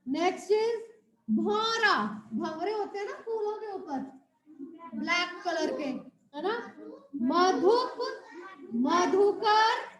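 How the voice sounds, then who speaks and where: Very high-voiced woman teaching, slow and roomy. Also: lively intonation. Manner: recites word lists slowly, stretching words, then explains quietly; addresses pupils as children, checks with "right?". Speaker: school teacher. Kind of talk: teaching a Hindi lesson to young pupils. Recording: roomy echo.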